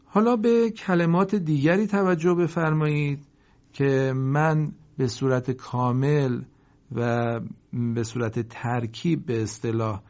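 A man teaching Quran recitation, slowly drawing out the syllables of each example, then explaining politely and formally. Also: mid-range voice, steady tone, darkish tone, dull audio. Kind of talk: recorded lesson.

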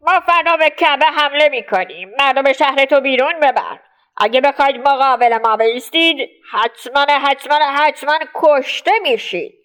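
A woman's voice: high-pitched, voice pushed up. Brief: woman doing a proud male king for a storybook, commanding and raised, faint music under. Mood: threatening. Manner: commanding, shouting orders. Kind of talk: storybook voice acting.

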